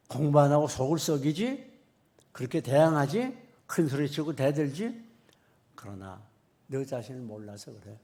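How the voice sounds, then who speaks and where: A pastor voicing God as a stern figure who bluntly rebukes a complaining listener in a loud, slowed, emphatic voice. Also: male voice, fairly high pitch, pitched above the performer's own voice.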